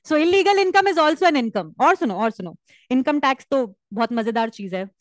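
A woman teacher giving a lively, teasing classroom lecture, switching between two languages and joking with students. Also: high voice, unhurried, no echo. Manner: lively, teasing, mixes Hindi and English.

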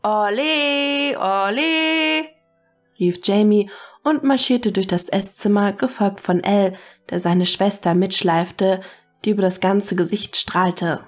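A woman reads a fan-fiction story aloud in a steady, even narrating voice. Her pitch sits in the middle range. Quiet music plays under her. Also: measured pace. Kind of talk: scripted narration.

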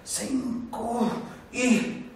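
Slow, expressive male storyteller. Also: very high-pitched, slight background noise. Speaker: children's storyteller. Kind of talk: storytelling for children. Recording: echoey room, far from mic.

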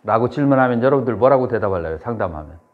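A middle-aged man, a Buddhist monk lecturing a seminary class, who asks students questions and then answers them, with measured phrasing and pauses. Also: medium pitch, lively intonation. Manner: measured delivery with frequent pauses and "eo" fillers. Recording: dull lo-fi lecture recording.

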